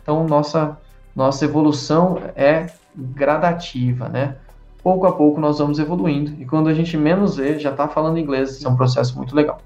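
A man's voice: a little high, fairly even intonation, brisk, darkish tone, roomy sound, lo-fi sound, faint music behind. A Portuguese-speaking man teaching an English lesson, running repetition drills and praising his student often.

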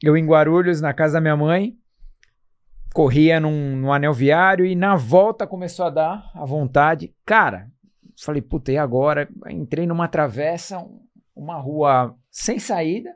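A man's voice: a little high, measured pace. A man tells a personal story on a casual podcast. He keeps to a plain, matter-of-fact narrative delivery. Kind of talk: casual chat.

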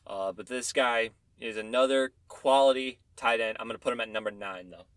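A man's voice: medium pitch, brisk, a bit bright, clear, resonant tone, no room sound. A man hosting a casual fantasy football talk, counting down his top ten picks and backing them with opinions and stats. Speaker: fantasy football podcast host.

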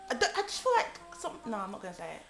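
A woman's voice: medium pitch, wildly swooping pitch, racing, gravelly, over music. A woman hosting a podcast, chatting in an upbeat, casual way. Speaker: podcast host. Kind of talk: casual chat.

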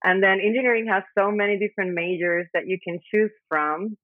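Puerto Rican-accented woman guest, halting with fillers, tinny phone sound, dry. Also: mid-range voice, fairly even intonation, no echo. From Puerto Rico. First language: Spanish. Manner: frequent ums, searching for words. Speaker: guest engineer. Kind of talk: casual interview answers.

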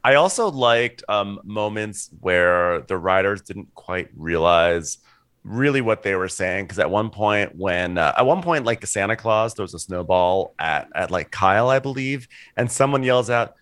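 A man chatting on a podcast, his voice sitting a little low and sounding dry and close to the mic. He talks loosely, leaning on "like" and "sort of", and now and then slips into acting out what someone said. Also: lively intonation, a little slow, a bit bright, clean tone, no room sound. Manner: chatty, heavy on "like" and "sort of", acts out quotes. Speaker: podcast co-host. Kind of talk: casual chat.

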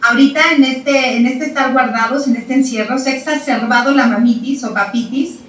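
A woman with a high voice explains parenting in an animated way, stressing points by repeating words and briefly playing out little scenes. She sits away from the mic in a roomy, echoing space. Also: fairly quick. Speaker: parenting expert guest. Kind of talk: explanatory chat. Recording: roomy sound from a distant mic.

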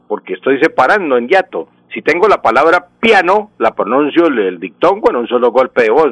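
A man explains grammar to radio listeners in a slow, teacherly way, drawing out each example word. His voice is recorded close and dry, without any room echo. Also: medium pitch, fairly bright tone. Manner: didactic, drawn-out example words. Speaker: language expert answering listener questions.

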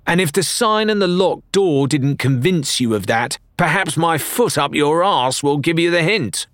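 A man voicing a brusque, sharp-tongued woman who keeps a tavern, in a storybook reading. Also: a little high, lively intonation, measured pace, no echo, clean studio sound, voice pushed up. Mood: cross.

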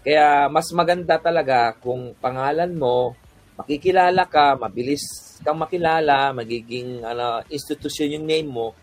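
A man with a somewhat high voice chats as a guest on a podcast. He tells work stories in a relaxed, meandering way. He often mixes English phrases into his talk. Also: moderate pace. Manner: relaxed storytelling, mixing English in. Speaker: guest photographer. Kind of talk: casual podcast chat.

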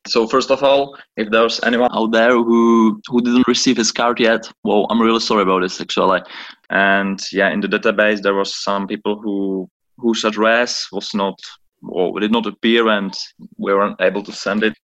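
A chief of staff from the Czech Republic joins a podcast interview by call from his Prague office, speaking hesitantly and searching for words. His lowish voice is fairly bright, with little pitch movement, at a normal speed. The audio has its highs cut off.

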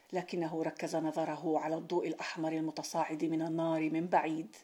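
A woman storyteller reading a folk tale in a steady, measured way. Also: low voice, slightly rough. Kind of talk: scripted folk tale narration.

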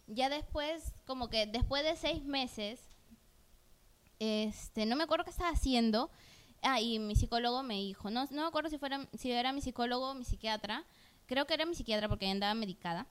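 Smooth-voiced woman talking openly. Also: a little high, a little fast. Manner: earnest, open and personal, long rambling turns. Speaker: podcast co-host. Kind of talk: candid conversational podcast.

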